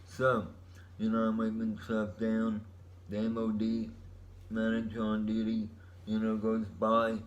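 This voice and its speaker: Man, low voice, casual solo vlogger; laid-back stoner-style delivery, meandering and unscripted. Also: completely flat delivery, unhurried, lo-fi sound, slight background noise. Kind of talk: rambling casual monologue.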